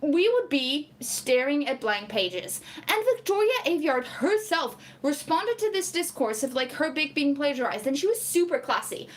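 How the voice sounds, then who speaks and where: Very animated and high in pitch, this young Portuguese woman talks at a normal speed with few pauses. She's chatting casually on a stream in English, which isn't her first language, reading comments, laughing often and saying "like" a lot.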